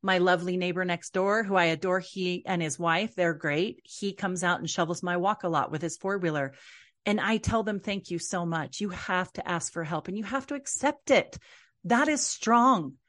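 A woman's voice: on the low side, normal speed, fairly bright tone. A woman in her forties talking frankly to listeners about single motherhood, in an earnest, confiding manner. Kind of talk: personal advice talk.

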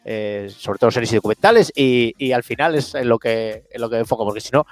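A man with a Spain Spanish accent, hosting a podcast with quick, joking banter. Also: mid-range voice, expressive, dry recording. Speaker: podcast host. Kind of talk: casual chat.

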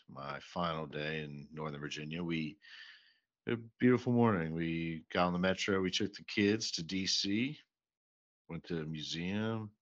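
A man co-hosting a casual podcast tells a profane, exasperated story. His voice is low-pitched with a fairly bright tone, captured on a dull lo-fi podcast mic.

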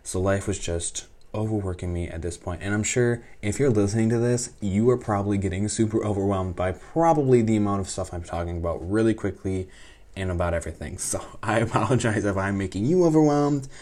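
Lowish guy just chatting away, telling a story, laughing as he goes. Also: fairly quick. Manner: chatty, animated, laughs often, quotes people in voices. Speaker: vlogger recounting a trip. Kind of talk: casual storytelling monologue.

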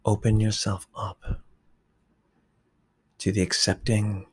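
A man leading a guided meditation, giving slow, soft instructions that often drop to a whisper. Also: on the low side, flat delivery, slightly rough.

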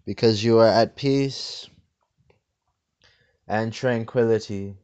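A man speaks in a slow, hushed, soothing way, keeping a flat deadpan calm throughout. His voice sits a little low and sounds smooth and resonant. The recording is slightly dull and lo-fi. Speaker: host of a parody meditation video. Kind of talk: deadpan parody of a guided meditation.

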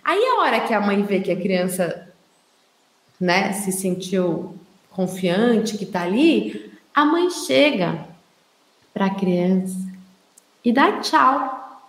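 A woman's voice: mid-range voice, very animated, slow pace, pauses often. A woman with a Brazilian Portuguese accent giving casual, chatty advice to parents, often checking in with her listeners. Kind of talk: casual explanatory advice talk. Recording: roomy echo.

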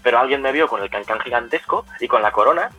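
A young man speaks quickly, chatting away as an interview guest. His voice is bright and forward. He stops and restarts his sentences as he goes, and quiet music plays faintly behind him. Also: medium pitch, lively intonation, breathy edge, poor audio. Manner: chatty, many restarts and self-corrections. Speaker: guest cosplayer. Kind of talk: casual storytelling.

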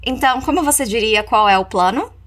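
Lively woman teaching English. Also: on the high side. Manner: slows down to model English phrases, then explains in Portuguese. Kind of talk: language lesson with repeat-after-me drills.

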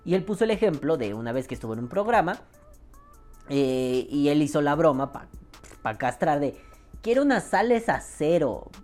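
Mexican woman ranting on her vape vlog, swears a lot, low voice jumping all over. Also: moderate pace, soft background music. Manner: animated, swears freely, acts out quoted voices. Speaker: vaping vlogger. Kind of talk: casual profane rant.

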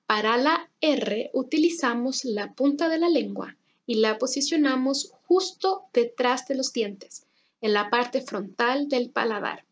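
A young Chilean woman with a Chilean Spanish accent, teaching Spanish pronunciation and slowly repeating example words. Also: fairly high pitch, expressive, dull audio. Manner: slow, carefully articulated repetition of words. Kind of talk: pronunciation lesson.

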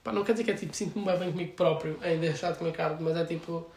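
A man's voice: fairly high pitch, steady tone, racing, creaky, a little mellow, reverberant. A young man with a European Portuguese accent chatting casually in a rambling, slangy way full of filler words. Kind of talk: casual chat.

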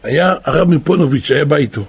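A man, a rabbi and yeshiva head, telling a story in a sermon, animated and now and then calling out quoted lines loudly. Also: on the high side. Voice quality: raspy.

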